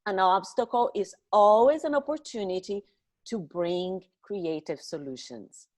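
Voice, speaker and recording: A woman's voice: medium pitch, animated, measured pace, a little mellow. A middle-aged woman who speaks English as a second language, talking expressively and emphatically as a guest in a conversational podcast interview. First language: not English.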